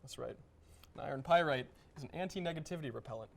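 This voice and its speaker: A man's voice: mid-range voice, quick pace, vocal fry. A young man playing a straight-faced, formal co-host of an occult comedy talk show. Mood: deadpan. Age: young adult. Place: TV studio set.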